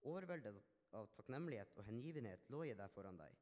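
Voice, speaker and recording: A man's voice: lowish voice, big pitch swings, darkish tone. A man playing a healed Samaritan leper man, telling his story in an earnest, reflective first-person monologue with small restarts. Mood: grateful. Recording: long hall reverb.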